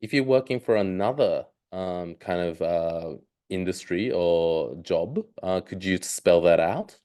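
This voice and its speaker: A man's voice: deep voice, measured pace, dark tone, smooth. A man in his thirties, raised in Australia, giving a live online presentation with many ums and uhs. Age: 30s. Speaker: webinar presenter.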